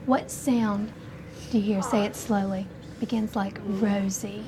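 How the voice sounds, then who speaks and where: A woman's voice: medium pitch, fairly even intonation, a little slow. A woman primary school teacher leading an interactive writing lesson, prompting children with instructions and questions. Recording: noisy classroom ambience. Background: room noise and young children.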